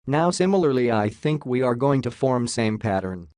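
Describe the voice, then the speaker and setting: A man's voice: medium pitch, expressive, normal speed, darkish tone, no room sound. Man, robot voice filter, chart analyst, jokey casual talk, dry close sound. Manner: jokey, says "lol" aloud. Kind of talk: casual screen-share chart walkthrough.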